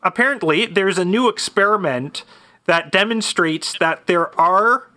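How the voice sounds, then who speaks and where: A man's voice: high-pitched, a little slow, pushed and bright. A man co-hosting a podcast, casually and matter-of-factly explaining details and dates. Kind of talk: casual chat.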